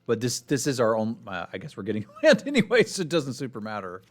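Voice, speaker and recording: A man's voice: medium pitch, wildly swooping pitch, quick pace. A man giving casual gameplay commentary as a streamer, thinking aloud about his moves with wry, self-deprecating humor. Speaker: card game player and streamer.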